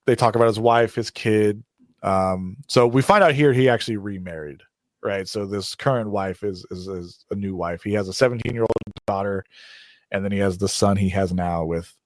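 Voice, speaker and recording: Low-voiced male podcast host, animated. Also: normal speed, no room sound, studio quality. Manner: animated retelling of scenes, full of um and you know. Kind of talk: casual podcast chat.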